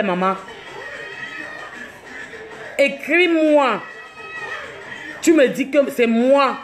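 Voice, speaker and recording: A woman from Cameroon, ranting on a livestream, mocking and scolding with laughs between jabs. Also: fairly high pitch. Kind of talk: live social media rant.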